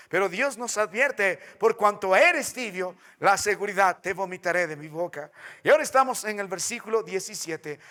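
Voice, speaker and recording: High, bright-voiced preaching pastor. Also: male voice. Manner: emphatic, repetitive preaching with rhetorical questions. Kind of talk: sermon.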